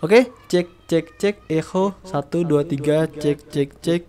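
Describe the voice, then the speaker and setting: A man's voice: fairly high pitch, slow pace, over music. A man casually testing a condenser mic, his voice run through a heavy built-in echo effect. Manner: relaxed, chatty, repeating test words. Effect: heavy echo effect from the mic's built-in echo. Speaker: tech reviewer. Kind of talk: casual mic test, counting and checking. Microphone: desktop condenser mic.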